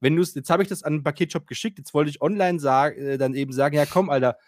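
A man's voice: fairly high pitch, fast talker, no echo, studio quality. A man telling a story in casual chat, ranting animatedly, acting out quotes and swearing casually. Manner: animated, rants and acts out quotes; swears casually, many fillers.

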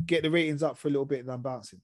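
A man's voice: mid-range voice, fairly even intonation, rapid-fire, dry recording, clean studio sound. A man with an urban London roadman accent and slangy delivery, hosting a casual chat reviewing TV shows. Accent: London, urban street slang. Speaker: podcast host.

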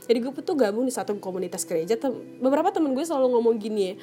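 A woman's voice: fairly high pitch, lively intonation, very fast, mellow, soft background music. A young woman from Indonesia, hosting a podcast and telling a personal story in casual talk, speaking chattily and laughing often while addressing her listeners. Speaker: podcast host.

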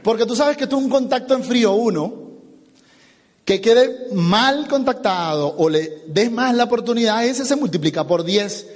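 High-voiced man in a reverberant hall. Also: moderate pace. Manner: animated, acts out dialogues. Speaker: business speaker. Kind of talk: motivational seminar talk.

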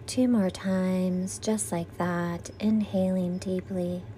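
Slow, mellow woman guiding a meditation. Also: on the low side, fairly even intonation, a little hiss or hum. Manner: soothing, gentle, breathy exhales on breathing cues. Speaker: guided meditation teacher. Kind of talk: guided meditation narration, like a sleep story narrator.

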